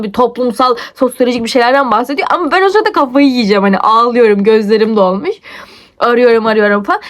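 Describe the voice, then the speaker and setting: A young woman vlogger telling a story in a casual, rapid, breathless way, her pitch swinging up and down. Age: young adult.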